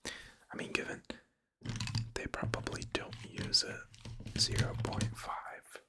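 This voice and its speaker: An ASMR creator whispers very close to the ear, never fully voicing the words. The delivery is slow and bright, drifting along in a hesitant, informal ramble. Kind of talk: whispered ASMR ramble about drawing tools. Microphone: close ear-to-ear microphone.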